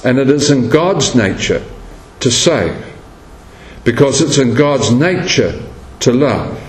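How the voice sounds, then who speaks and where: A man's voice: mid-range voice, lively intonation, takes it slowly. Preaching man in an echoey church. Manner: storytelling, acts out quoted voices. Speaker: pastor. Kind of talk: sermon. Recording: echoey room with faint background noise.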